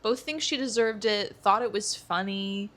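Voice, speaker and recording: A woman's voice: medium pitch, moderate pace, a bit bright. A young woman co-hosting a casual book-discussion podcast, eager and thinking aloud as she talks. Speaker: podcast co-host.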